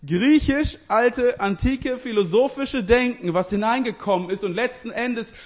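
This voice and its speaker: High-voiced German-speaking preacher, informal. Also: male voice, measured pace. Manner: informal, addresses listeners directly, laughs often; restarts and self-corrections. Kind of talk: casual sermon.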